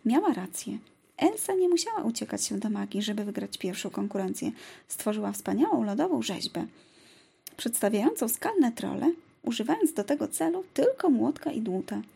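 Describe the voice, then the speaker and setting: A woman narrating a children's storybook aloud in a gentle, lively read-aloud manner. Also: a little high, moderate pace, vocal fry, husky.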